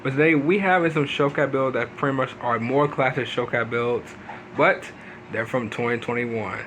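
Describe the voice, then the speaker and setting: Man, casual gameplay commentary, rambling, filler-heavy, sudden pitch jumps, faint noise. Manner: rambling, leans on "pretty much" fillers and restarts. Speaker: gaming video host.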